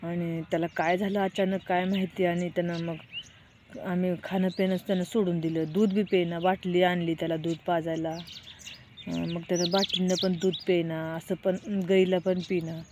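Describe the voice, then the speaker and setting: Mellow, flat-voiced woman. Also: lowish voice, normal speed, slight background noise. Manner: plainspoken, keeps saying "look" to viewers. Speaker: vlogger. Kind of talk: casual vlog storytelling.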